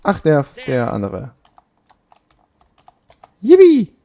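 A man's voice: mid-range voice, very animated, normal speed, creaky, mellow, muffled recording. A man giving casual, joking commentary while he plays a video game at home on a makeshift mic, scolding his character now and then. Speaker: let's play gamer. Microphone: makeshift home mic setup.

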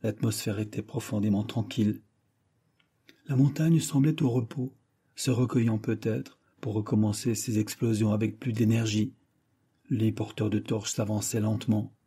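A male audiobook narrator reads a classic novel in a measured, dramatic way. His voice is very dark and mellow, with a husky edge. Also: on the low side, fairly even intonation. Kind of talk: scripted narration.

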